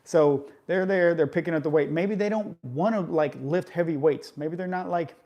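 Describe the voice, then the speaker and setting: A fitness vlogger in his forties, with a fairly high-pitched voice and a moderate pace, chats casually with live viewers about workouts. He coaches conversationally and often caps his points with "right?". The audio sounds dull.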